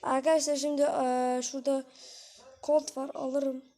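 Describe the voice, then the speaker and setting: A woman giving chatty, excitable live gameplay commentary, talking to the characters on screen and bursting out in frustration now and then. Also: high-pitched, measured pace. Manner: frustrated outbursts with swearing. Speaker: gaming channel host.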